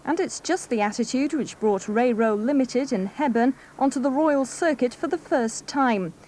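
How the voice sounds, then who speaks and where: A woman TV news reporter reading a scripted report in a measured, even way, heard from a worn VHS tape copy. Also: sits high. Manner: measured, even newsreader delivery. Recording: hissy worn videotape copy.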